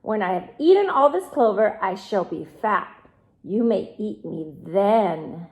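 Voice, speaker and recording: A woman's voice: medium pitch, expressive, measured pace, a little mellow, natural voice. A woman voicing a timid, crafty little female lamb who bleats and pleads. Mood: pleading.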